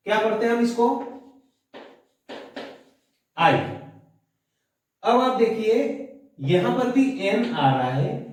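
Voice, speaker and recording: A man with an Indian English accent teaches a grammar lesson at a whiteboard, walking through each point and checking in with the viewer. His voice sits high. He is recorded from a distance in a strongly echoing room. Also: a little mellow. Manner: explains step by step, asks the viewer questions. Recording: very echoey room, voice from off the mic.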